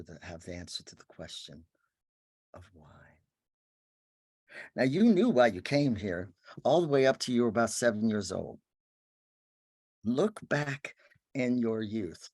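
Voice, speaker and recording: A man giving an earnest spiritual talk, his voice often sinking to a soft, hushed murmur. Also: on the low side, animated, unhurried, long pauses, no echo, studio quality. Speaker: workshop speaker.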